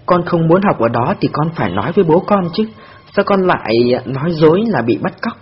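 A man's voice: a little high, animated, fairly quick, slightly rough. A man voicing a patient, firm policewoman who talks earnestly with a frightened child. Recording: dull lo-fi recording.

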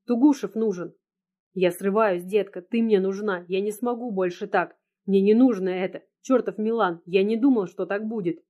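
A woman's voice: mid-range voice, moderate pace, warm tone, close to an everyday voice. A woman reading the lines of a desperate young man who is tearful and pleading, in an audiobook. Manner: pleading, choked with despair.

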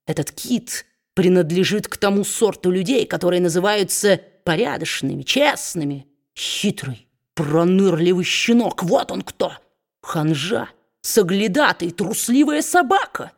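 A woman voicing a spiteful, boisterous male dwarf who talks slowly and sneers. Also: lowish voice, expressive. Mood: scornful.

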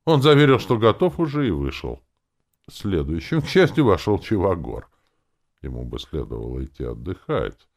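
A man reading a first-person fantasy audiobook with a wry, lively delivery. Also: low-pitched, moderate pace. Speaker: audiobook narrator.

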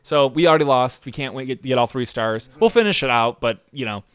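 Young guy rambling over a racing game, swears a ton, smooth clear voice, dry close mic. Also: mid-range voice, fairly quick, a bit bright, dry recording. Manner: rambling, swears often, laughs a lot. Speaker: gameplay commentator. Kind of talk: casual gaming chat.

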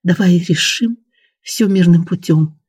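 A man voicing an anxious young noblewoman in an audiobook, who talks in a soft, pleading way. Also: sits high, unhurried, slightly rough, dry recording, studio quality.

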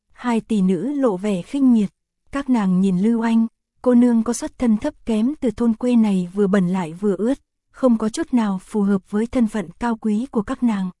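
A woman narrating an audiobook in a steady, even storytelling manner. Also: a little high, dry recording, studio quality. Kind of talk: scripted narration.

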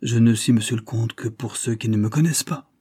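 A man's voice: medium pitch, fairly quick, dark tone, slightly rough, lightly acted. A man reading the part of an impulsive young nobleman, easily irritated.

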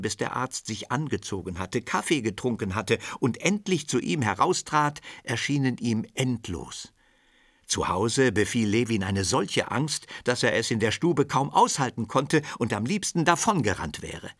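A man narrating a radio drama in a measured, expressive storytelling manner. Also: mid-range voice, no room sound, clean studio sound. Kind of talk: scripted literary narration.

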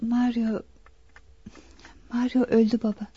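An actress playing a young daughter in a radio drama, emotional and pleading. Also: female voice, on the high side, little pitch movement, takes it slowly, dark tone, breathy edge, heavily acted. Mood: distressed. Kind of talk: 1960s Turkish radio drama acting. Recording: dull lo-fi dry archive radio recording.

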